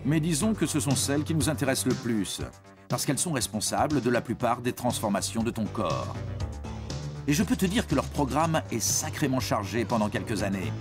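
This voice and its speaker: Narrating an educational cartoon, a man talks directly to a young listener with a playful storytelling style. His mid-range voice is animated and moves at a moderate pace. Music plays beneath him.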